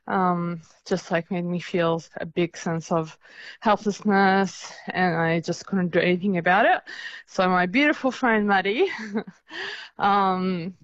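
Heard in a dull, lo-fi, dry recording, this young woman from the Middle East has a lowish voice. She organises a fundraiser and is interviewed on radio, speaking earnestly yet hesitantly with lots of fillers.

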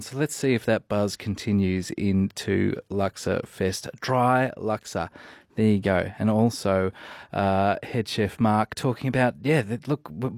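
Chatty Australian radio broadcaster. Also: male voice, medium pitch, no echo, studio quality. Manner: chatty, jokey, enthusiastic. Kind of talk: radio interview and live commentary.

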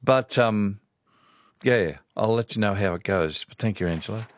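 With a lowish voice and a moderate pace, an Australian radio host chats in a relaxed, rambling manner. Along the way he reads listener messages out loud.

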